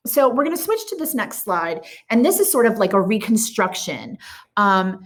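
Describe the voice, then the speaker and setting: A woman's voice: mid-range voice, very animated, normal speed. A woman teacher giving a recorded art history lecture in a casual way, with many ums and restarts. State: has the hiccups.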